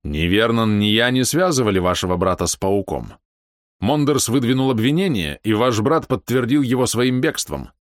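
A man voicing a grave middle-aged colonel who speaks in a measured, sober, apologetic way. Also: mid-range voice, expressive, dry recording, clean studio sound, voice pushed up, lightly acted.

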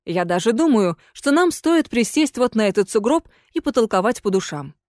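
A woman voicing a calm, mocking young male heir in an audiobook, cool and unhurried. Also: on the high side, no room sound, clean studio sound. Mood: polite.

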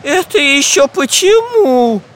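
A shrill, squealing storybook spy, long-nosed and cowardly. The voice sits very high and swoops widely, dragging out every wailing shout. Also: male voice, big pitch swings, slow, slight background noise, heavily acted. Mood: scared.

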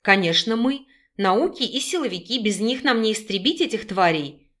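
A man's voice: high-pitched, lively intonation, moderate pace. A woman doing a bossy, hot-tempered young fiancé. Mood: commanding. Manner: loud, commanding, hissing.

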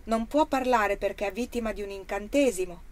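A woman's voice: medium pitch, fairly quick, lightly acted. Lady reading as an imperious old yogi man, solemn, storybook reading.

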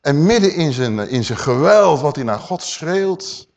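A man preaching a sermon, dramatic, swinging from loud declaiming to quiet asides and asking his listeners questions. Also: on the high side, big pitch swings, a little slow. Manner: addresses listeners with rhetorical questions.

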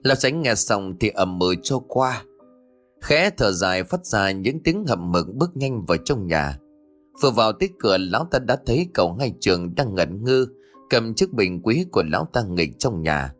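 A man narrating a ghost story in an expressive storytelling manner. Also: fairly low pitch, moderate pace. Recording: dry voice with faint background music.

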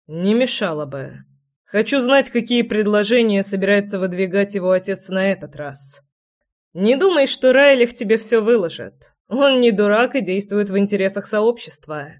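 A woman voicing a thoughtful male leader who lays out plans in a measured way. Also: medium pitch, lightly acted. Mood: calm. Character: thoughtful male clan leader, calm planner.

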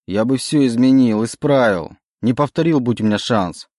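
A man's voice: lowish voice, moderate pace, mellow, dry recording, studio quality, close to an everyday voice. A man voicing a possessive, manipulative male demon in an audiobook, with a faint metallic tinge. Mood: pleading. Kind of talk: audiobook reading.

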